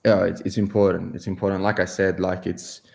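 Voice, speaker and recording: Low, gravelly young man. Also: level tone, a little mellow. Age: 20s. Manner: halting, heavy with fillers and restarts. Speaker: guest goalkeeper. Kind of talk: casual interview answers.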